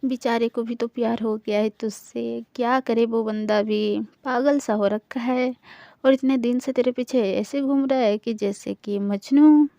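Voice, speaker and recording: A woman voicing a young woman who calms and reassures her best friend. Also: fairly high pitch, unhurried, no echo, muffled recording. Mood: reassuring.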